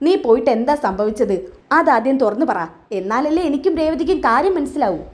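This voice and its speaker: A woman's voice: high voice, lively intonation, brisk. A woman voicing a concerned elder brother who questions in a firm, protective way.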